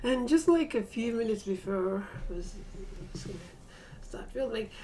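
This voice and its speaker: Her voice on the high side but dark in tone, a woman in her 40s chats animatedly at normal speed in a casual vlog from her small, cluttered bedroom, rambling and hesitating with lots of fillers. The desk-distance built-in webcam mic makes her sound distant, with a little hiss or hum.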